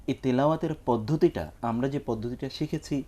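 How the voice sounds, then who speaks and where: A man, an Islamic scholar, giving measured, teacherly answers on a live television question-and-answer show, weaving in Arabic quotations. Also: medium pitch, dark tone. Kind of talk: explanatory religious talk. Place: television studio.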